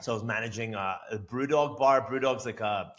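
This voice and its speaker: A man's voice: mid-range voice, brisk. A man from Greece with a Scottish accent, talking easily as a guest in a casual podcast interview.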